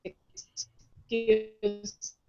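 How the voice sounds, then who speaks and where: A woman's voice: fairly high pitch, completely flat delivery, gravelly, muffled recording, over music. Woman on a glitchy, breaking-up call line. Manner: halting, hesitant speech. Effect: glitchy call audio breaking up. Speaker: course mentor. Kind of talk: casual self-introduction on a group call. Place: hotel room.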